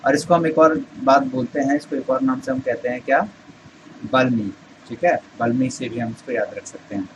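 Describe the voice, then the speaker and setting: A man's voice: mid-range voice, moderate pace, noisy background. A man teaching English vocabulary in Hindi, explaining step by step and answering his own rhetorical questions. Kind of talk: Hindi vocabulary lesson with memory tricks.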